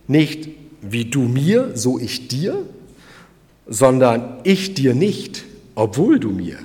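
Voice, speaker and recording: Emphatic male preacher in a hall. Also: a little high. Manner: emphatic, rising and falling in volume, addresses listeners directly. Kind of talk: sermon.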